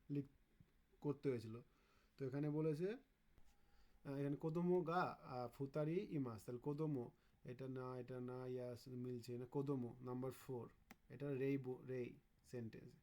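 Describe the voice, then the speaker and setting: In a relaxed exam-prep session on kanji, a male Japanese teacher walks students through the questions in a warm, middle-pitched voice. Every so often he stops to sound out Japanese words slowly, thinking aloud.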